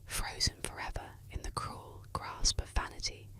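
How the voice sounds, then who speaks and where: A woman narrating eerie tales as ASMR, in a soft unvoiced whisper close to the ear. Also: normal speed. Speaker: ASMR storyteller. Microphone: close ASMR microphone.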